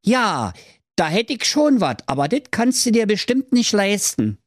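A man voicing a cheeky, scheming shopkeeper and crook who pitches his goods fast in a Berlin accent. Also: very animated, no room sound, clean studio sound, exaggerated voice. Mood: wheedling. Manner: fast-talking sales pitch.

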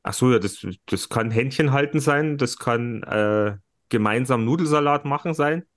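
A man's voice: mid-range voice, moderate pace. A man co-hosting a podcast in casual chat, with a dry, teasing sense of humor. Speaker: podcast co-host.

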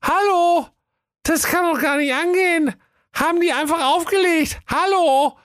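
A man's voice: very high-pitched, a little slow, a bit bright, dry recording, studio quality, pitched above the performer's own voice. A man voicing a drunken, cheeky woman programmer who slurs and trips over her words. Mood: indignant. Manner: slurred, tipsy, stumbles over words. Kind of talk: comic radio fairy-tale acting.

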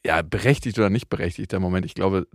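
A man's voice: low voice, fast, no echo, studio quality. A man in his thirties co-hosting a casual chat, teasing and sarcastic, laughing often. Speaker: podcast co-host.

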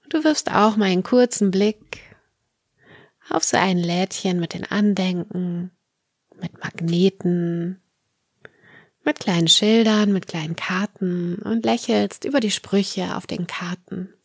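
Slow, gently guiding woman in meditation. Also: on the low side, breathy edge, no room sound, studio quality. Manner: slow, soothing, gentle phrasing in short pieces with pauses. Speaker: guided meditation narrator. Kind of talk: guided meditation, a calm narrated dream journey.

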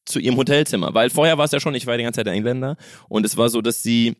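A man around thirty co-hosting a podcast, telling an anecdote in a casual, animated way and laughing often. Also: mid-range voice, rapid-fire, no echo, studio quality. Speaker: podcast co-host. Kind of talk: casual storytelling chat.

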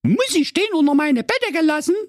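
A shrill, bratty young princess, squeaking in a high falsetto that leaps wildly up and down. She is snippy and scornful in a comic fairy-tale parody, recorded close and dry. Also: big pitch swings, normal speed, no room sound.

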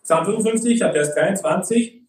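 A high-voiced man gives a sermon from some distance away from the mic, his voice ringing through a roomy hall. He talks conversationally and keeps checking in with his listeners. He slows down and gets deliberate when reading scripture. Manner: conversational, often asks "nicht?" and "okay?"; reads Bible verses slowly and deliberately. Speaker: preacher.

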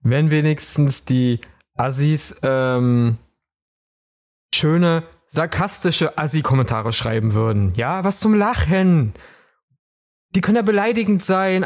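Joking co-host, slightly high voice. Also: male voice, measured pace. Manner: joking, laughs along. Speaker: podcast co-host. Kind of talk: casual podcast chat.

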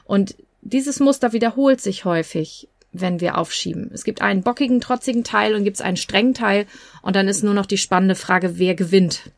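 A woman's voice: medium pitch, normal speed, creaky, no room sound. Woman coach talking through a podcast. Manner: conversational, explanatory, many fillers like "ja" and "äh". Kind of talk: podcast monologue giving advice.

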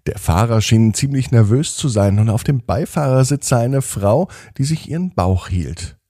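A man tells a children's bedtime story in a warm, slightly husky voice, his pitch rising and falling with lively expression. He speaks gently to the child listening, close and dry, with faint music behind him. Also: moderate pace, dry recording.

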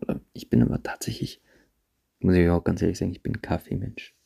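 A man hosting a podcast, talking reflectively to his listeners in a halting way and often repeating himself. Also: low-pitched, little pitch movement, gravelly, dark tone, husky. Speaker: podcast host. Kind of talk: personal monologue to listeners. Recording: handheld phone, voice drifts off-mic at times.

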